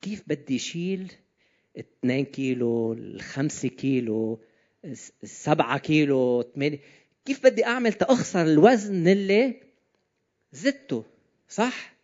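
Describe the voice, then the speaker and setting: Speaking in a Lebanese, Levantine Arabic accent, this preacher gives a loose, conversational sermon full of questions for the audience. He sounds animated and fairly high, with a darkish tone, normal speed and frequent pauses, captured on slightly dull, lo-fi audio.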